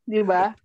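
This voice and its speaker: A woman's voice: mid-range voice, dark tone, husky, dry recording. A woman taking part in a Bible study, adding short comments and questions. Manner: brief interjections and questions.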